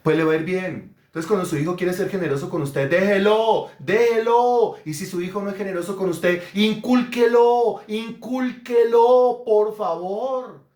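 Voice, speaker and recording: A man preaching a sermon in an emphatic way, briefly acting out parents and children in quick put-on voices. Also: sits high, a little mellow, roomy sound. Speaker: pastor.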